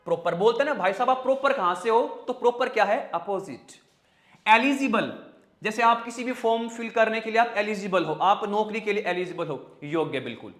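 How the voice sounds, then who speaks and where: A man's voice: high-pitched, moderate pace, a bit bright, roomy sound. A man teaching an online vocabulary class in a joking, chatty way, using memory tricks and talking to viewers.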